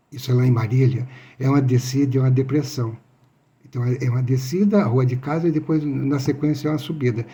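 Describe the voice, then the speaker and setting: A man telling his personal testimony, halting and repeating his phrases. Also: medium pitch, warm tone. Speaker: near-death experience witness.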